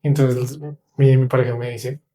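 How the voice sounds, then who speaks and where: A young Colombian man with a Colombian Spanish accent, a podcast guest telling stories in casual chat, animated and acting out the voices of people he met. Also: mid-range voice, normal speed, slight background noise. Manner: animated, acts out quoted voices. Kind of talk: casual storytelling.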